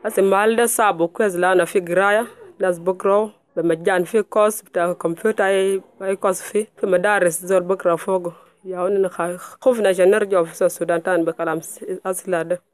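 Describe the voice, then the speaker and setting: A woman's voice: lowish voice, fairly even intonation, fast. A woman in her twenties from South Sudan with a South Sudanese Arabic accent, giving matter-of-fact answers in an interview. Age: 20s.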